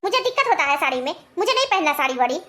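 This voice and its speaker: A woman's voice: high-pitched, very animated, racing, bright, forceful tone, exaggerated voice. A woman voicing a stubborn, lazy young city bride in a cartoon, talking back and scolding her husband. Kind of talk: cartoon voice acting.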